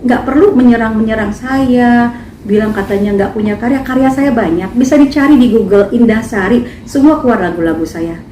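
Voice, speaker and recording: A woman's voice: on the high side, normal speed, dark tone, distant mic. A woman singer making an emphatic, indignant statement at a press conference. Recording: echoey, from afar, faint noise.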